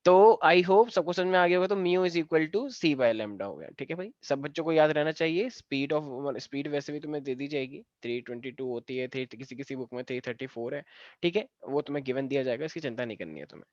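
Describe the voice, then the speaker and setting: A man's voice: fairly high pitch, a little fast, no room sound, lo-fi sound. A man teaching a science class, explaining step by step and joking with his students. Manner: playful, joking and teasing students. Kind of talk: live online class lesson.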